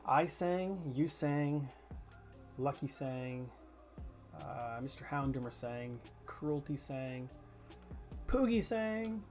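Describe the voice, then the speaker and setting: A man's voice: medium pitch, steady tone, takes it slowly, darkish tone, faint music behind. A man chatting casually with his chat while streaming a game, joking and swearing freely. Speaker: gaming streamer. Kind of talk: casual live gameplay chatter.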